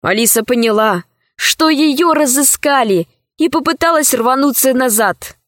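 A woman with a fairly high voice reads a children's adventure story aloud. Her delivery is calm, unhurried and clear. The recording is close and dry. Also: no room sound. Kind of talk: scripted narration of a children's adventure book.

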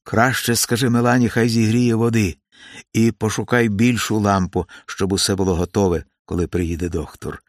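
Brief: curt, practical man issuing orders, voiced by a male narrator, deep voice, dry close sound. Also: steady tone, moderate pace, no room sound, lightly acted. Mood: commanding.

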